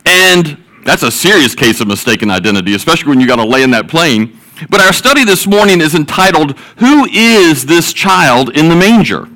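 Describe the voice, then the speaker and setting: A man's voice: on the high side, very animated, brisk, pushed and bright, rough recording. A man preaching a sermon, opening with folksy joke stories and repeating his words as he goes. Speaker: pastor. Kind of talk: sermon with jokes.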